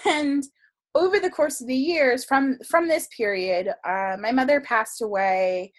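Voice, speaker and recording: A woman telling stories in casual conversation, chatty and animated, laughing often and full of fillers. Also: sits high, measured pace. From South Florida region of the United States. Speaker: podcast guest, tarot reader.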